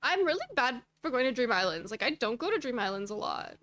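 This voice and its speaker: A woman's voice: fairly high pitch, sing-song, fast talker, fairly bright tone, a little hiss or hum. A woman streamer chatting casually while playing a game and answering viewer chat with rambling asides.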